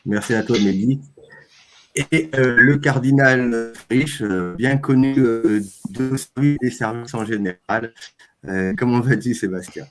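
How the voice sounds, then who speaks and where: A man hosts a live chat stream in a relaxed, conversational voice of middle pitch. He pauses often and hesitates between phrases as he introduces his guests. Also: faint music behind. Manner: hesitant, with frequent "euh" fillers. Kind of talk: casual live-stream talk.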